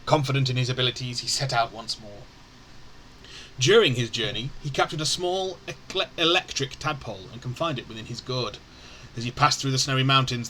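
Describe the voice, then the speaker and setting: Bright-voiced man reading game lore. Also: mid-range voice, slight background noise, poor audio. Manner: stumbles and corrects himself, self-mocking. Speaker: streamer.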